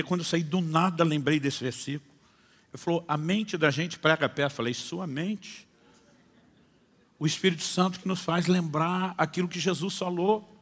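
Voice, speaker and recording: Preacher in a reverberant hall. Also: male voice, on the high side. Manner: storytelling preacher acting out dialogues, swinging from hushed to loud. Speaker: pastor. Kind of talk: sermon. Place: church conference hall.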